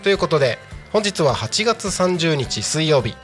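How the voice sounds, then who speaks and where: A man's voice: fairly high pitch, sing-song, normal speed, soft background music. A man hosting a live community radio show in polite, apologetic announcer patter. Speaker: radio host.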